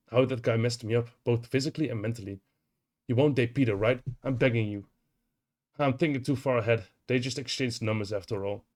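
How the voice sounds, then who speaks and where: Young guy reading game dialogue out loud, animated, says like a lot, faint music behind. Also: mid-range voice. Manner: animated, swears, heavy use of "like". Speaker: gamer playing an indie horror visual novel. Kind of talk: reading game text aloud with reactions.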